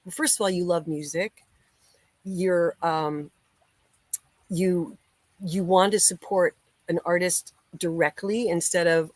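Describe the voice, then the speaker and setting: Chatty American woman musician, slightly low voice, dry close sound; hosts a stream and greets viewers. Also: no echo. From United States. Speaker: musician hosting a livestream. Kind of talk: casual live-chat hosting.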